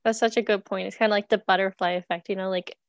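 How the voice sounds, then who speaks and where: A young woman hosting a faith podcast, speaking in a friendly, quick and chatty way. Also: medium pitch, steady tone, no echo. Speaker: podcast host. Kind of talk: casual faith podcast interview.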